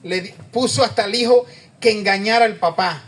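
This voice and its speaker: A man's voice: high voice, fairly quick, a bit bright. A man preaching a conversational sermon, often asking the congregation questions and repeating amen.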